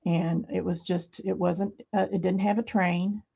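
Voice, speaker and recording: A middle-aged woman with a low, gravelly voice talks casually in her home craft studio. She rambles and hesitates with plenty of fillers. The recording sounds a little dull and muffled. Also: little pitch movement, unhurried, mellow. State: hands a little weak, fumbling. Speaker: craft video host.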